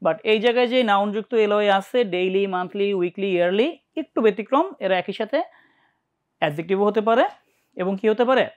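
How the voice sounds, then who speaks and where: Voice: mid-range voice, a little fast, lo-fi sound. A teacher with a Bangladeshi Bengali accent giving a live online English lesson for university admission tests, often checking in and asking students questions. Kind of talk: live online class lecture.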